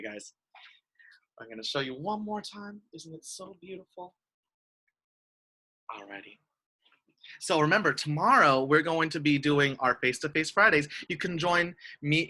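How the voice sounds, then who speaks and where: A young teacher leads little kids through a craft over a video call. The voice swings widely in sing-song praise. It has a bright, clear edge. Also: mid-range voice. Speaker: elementary school teacher. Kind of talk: online craft lesson for young children.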